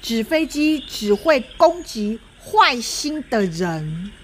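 A brave little boy in a storybook, chanting his spells in a slow sing-song and reassuring his sister, as a woman narrator puts him on. The voice rises and falls widely over faint room noise. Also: fairly high pitch, big pitch swings. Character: brave young boy, big brother.

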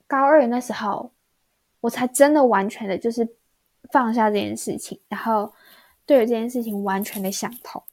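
A young woman co-hosting a podcast, telling a personal story in a soft, halting, reflective way. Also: on the high side. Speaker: podcast co-host. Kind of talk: casual chat, personal story.

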